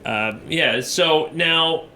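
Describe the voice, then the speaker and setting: Bright-voiced chatty man. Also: on the high side, extremely slow, slight background noise. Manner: chatty, rambling with many fillers. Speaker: radio show co-host. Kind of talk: casual chat.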